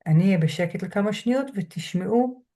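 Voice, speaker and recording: A woman lecturer speaking from home through a computer mic, guiding listeners through a grounding exercise in a slow, measured way with soft pauses. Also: mid-range voice. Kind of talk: calm guided lecture. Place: home room.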